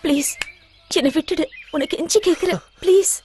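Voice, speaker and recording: A woman's voice: very high voice, moderate pace. An actress playing a kidnapped young wife who pleads and defies her captor in a TV serial, with music behind. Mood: pleading. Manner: pleading, defiant.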